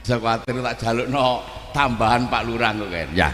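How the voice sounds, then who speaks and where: A man's voice: mid-range voice, brisk, fairly bright tone, a little hiss or hum. Joking man with an echoey voice. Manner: joking, teasing. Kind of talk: casual banter on stage. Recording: echoey hall reverb.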